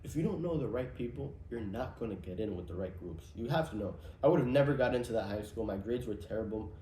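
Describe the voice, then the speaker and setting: A man's voice: medium pitch, lively intonation, fast talker, dark tone, a little hiss or hum. A young man hosting a solo podcast, rambling casually with profanity and conspiratorial asides. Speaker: podcast host. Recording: roomy echo, faint ambience.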